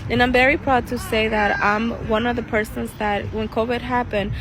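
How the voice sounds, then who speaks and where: A woman's voice: fairly high pitch, steady tone, moderate pace, rough recording. A woman from El Salvador, a tarot reader and life coach, talking earnestly and casually to her viewers from a city park, laughing often and restarting her sentences. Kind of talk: casual talking-to-camera vlog. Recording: outdoor street noise. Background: passing cars and city noise.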